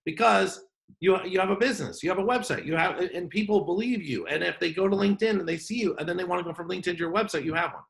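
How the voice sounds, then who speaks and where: A man hosts an online business workshop over a video call, speaking in a casual, wisecracking, off-the-cuff way. His voice sits a bit high and has a gravelly edge. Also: fast talker, fairly bright tone. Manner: joking, chatty, off-the-cuff. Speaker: workshop host.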